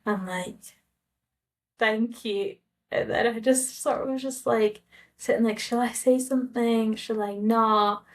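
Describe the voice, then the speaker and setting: A travel vlogger from Scotland tells a personal story with a Scottish accent, hesitant and rambling, like a casual vlog. Her voice is on the high side, steady in tone, and unhurried.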